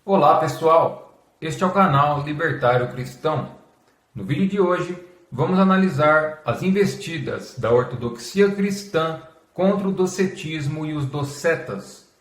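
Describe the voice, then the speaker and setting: A Brazilian man hosting a scripted explainer in a formal, measured lecturing manner, reading out as if dictating. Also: fairly high pitch, expressive, a bit bright. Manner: measured, formal reading that announces quotation marks aloud, as if dictating. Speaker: host of a religious history channel. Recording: echoey, reverberant room.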